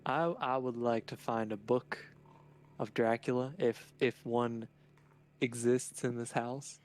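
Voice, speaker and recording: A man playing a tabletop horror game, speaking in a flat, monotone way. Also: medium pitch, slow. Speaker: player. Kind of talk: casual tabletop game chat.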